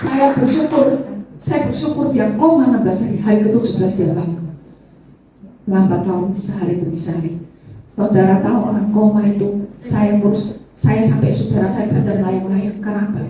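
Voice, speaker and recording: A woman's voice: fairly even intonation, moderate pace, crowd noise. A middle-aged woman giving an emotional testimony sermon, addressing her listeners directly. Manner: addresses listeners as "saudara", acts out tearful prayers in a high voice. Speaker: church testimony speaker. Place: church hall. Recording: echoey church hall, distant mic, faint ambience.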